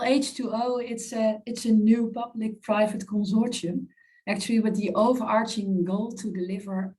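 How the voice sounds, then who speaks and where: A woman's voice: medium pitch, darkish tone, poor audio. A woman surgeon speaking as a panelist, explaining a research project with slightly non-native phrasing. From Netherlands. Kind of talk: presenting at a panel webinar.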